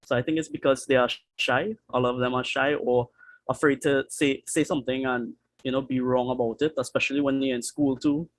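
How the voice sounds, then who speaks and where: A man's voice: mid-range voice, fairly even intonation, a little fast, no room sound. Trinidadian man on a panel, casual and chatty, dry sound. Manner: casual, chatty, repeats himself. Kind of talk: online panel discussion.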